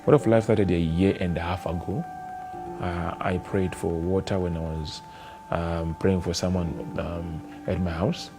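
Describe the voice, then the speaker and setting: A preacher recounting his own experience in a slow, measured way with some hesitations. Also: low voice, fairly even intonation. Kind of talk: slow personal testimony. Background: music.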